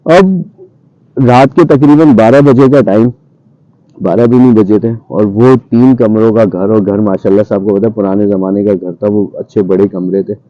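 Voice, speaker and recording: A man tells a ghost story from his own past and acts out what he and his cousin said. His voice is dark and mellow, in a mid register. The sound is dry and dull, like an old radio broadcast. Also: on the low side, moderate pace, no room sound. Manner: animated retelling, acting out his own past lines. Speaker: storyteller guest. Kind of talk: casual spoken ghost story. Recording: dull muffled radio-style audio.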